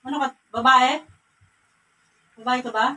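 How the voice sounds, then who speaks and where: A faith healer with a Filipino Cagayan Valley accent sternly and repetitively questions and scolds during a healing ritual. Her high voice is bright, forceful, and steady at normal speed, picked up by a distant mic with faint ambient noise.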